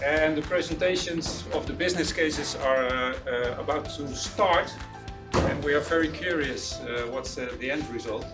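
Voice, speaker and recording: Halting man opening an event. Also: a little high. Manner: halting, many fillers. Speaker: teacher hosting student presentations. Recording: distant mic with music behind.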